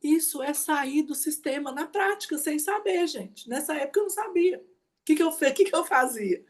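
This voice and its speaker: A woman giving a class as a mentor. She tells personal stories in a chatty, animated way and keeps asking her listeners questions. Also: high-pitched, normal speed. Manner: animated, chatty, often asks the audience 'né, gente?'. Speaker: mentor teaching an online class. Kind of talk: teaching talk with personal stories.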